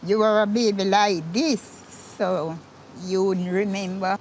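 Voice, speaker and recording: A woman's voice: mid-range voice, steady tone, unhurried. An older woman with a Jamaican accent, chatting affectionately and soothingly as a family friend. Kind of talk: casual chat. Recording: noisy location recording.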